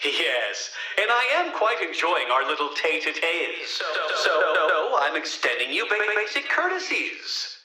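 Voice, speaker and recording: A man's voice: on the high side, sing-song, a little slow, pushed and bright, breathy edge, full character voice. A man voicing a smug, theatrical video game villain who taunts in a pompous, condescending way, heard through a radio effect. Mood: smug condescension. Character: smug, theatrical male villain obsessed with riddles.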